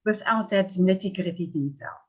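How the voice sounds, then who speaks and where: Her voice is husky, medium in pitch, and darkish, at a normal speed. A therapist in her fifties who grew up speaking Afrikaans and carries its accent, she's an earnest guest in a casual interview, often restarting and using fillers.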